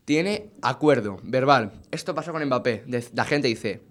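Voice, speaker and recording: A man's voice: medium pitch, a little slow. Spanish man presenting football news. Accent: Spain. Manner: animated, jokey news delivery. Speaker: sports chat presenter. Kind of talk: casual football news chat.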